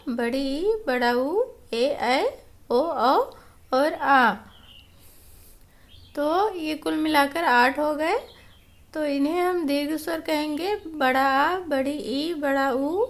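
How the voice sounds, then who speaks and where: A woman teaching a lesson, explaining patiently and repeating each point with examples. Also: high voice.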